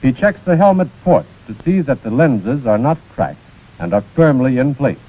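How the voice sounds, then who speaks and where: On a muffled, scratchy soundtrack from the 1940s, an American man narrates a scripted instructional film in a precise, formal way. His voice is medium-pitched with big pitch swings, delivered at normal speed.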